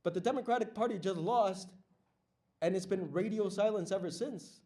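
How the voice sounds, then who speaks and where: A live meeting-room audience hears a man give a workshop presentation full of fire, asking one question after another and repeating lines for emphasis. His voice sits high with a dark tone, at a moderate pace.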